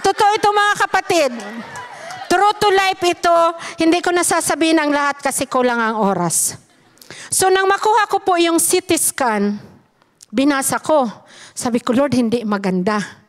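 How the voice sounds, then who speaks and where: A Filipino woman giving an earnest personal testimony to a church congregation, emphatic and often addressing her listeners as brothers and sisters. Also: high voice.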